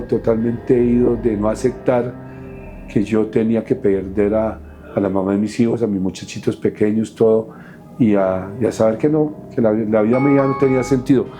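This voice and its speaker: A middle-aged man, recounting his past as an interview guest in a halting, emotional way with many restarts. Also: medium pitch, fairly even intonation, mellow, faint music behind. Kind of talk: personal testimony in an interview.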